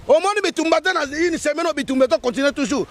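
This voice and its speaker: A guest from the Democratic Republic of the Congo, a man with a Congolese French accent, talks politics fast in a very high voice with lively intonation. He is heated and emphatic, repeating his points.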